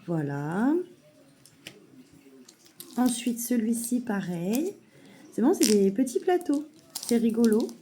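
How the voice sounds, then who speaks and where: A woman showing a parcel in a casual vlog at home, hesitant with many fillers and softly gushing. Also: fairly high pitch, lively intonation, slow, long pauses, slight background noise. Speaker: mother unboxing a parcel of saving challenges. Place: at home at a table.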